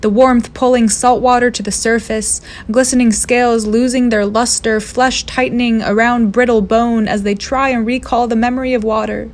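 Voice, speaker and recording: A young woman performs her own spoken word poem. Her voice sits a little high. She is thoughtful and unhurried, with a dry humor running through it. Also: steady tone. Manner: reflective, wry recitation. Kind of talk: performance poetry.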